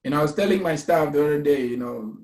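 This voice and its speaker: This investment company founder, a thirtysomething from Cameroon, talks fast in a high-leaning, darkish voice during a casual pitch. He earnestly covers investing and pensions, repeating himself with a preacher's emphasis, recorded in an echoey space.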